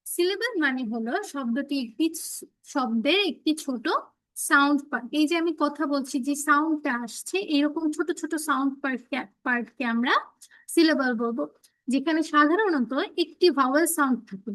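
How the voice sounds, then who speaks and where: A young woman teaching an online class, explaining in Bengali, reading English definitions out very slowly and calling on students to check that they understand. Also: high-pitched, a bit bright, no room sound, rough recording.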